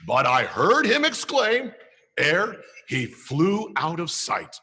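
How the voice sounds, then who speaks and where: Santa Claus, cheery storyteller played by a man, lively rising and falling, unhurried, in a reverberant hall. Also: fairly high pitch, full character voice. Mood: storytelling. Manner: slow, theatrical reading with playful chuckles. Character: jolly old Santa Claus, grandfatherly and playful. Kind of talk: holiday story reading and kids' Q&A.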